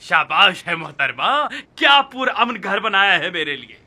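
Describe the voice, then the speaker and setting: A man's voice: high voice, lively intonation, moderate pace, bright, forceful tone, heavily acted. An actor dubbing an irritable nobleman husband in a historical drama, speaking sarcastically and scolding. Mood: bitter.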